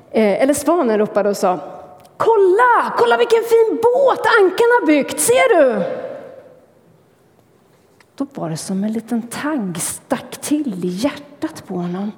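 Lively woman telling a church story. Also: fairly high pitch, long reverb tail. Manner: lively, expressive. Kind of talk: children's sermon story.

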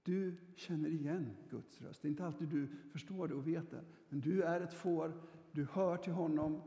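A male pastor preaching a sermon in a relaxed, conversational and reassuring way, with plenty of fillers and restarts. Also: on the high side. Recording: echoey hall with long reverb.

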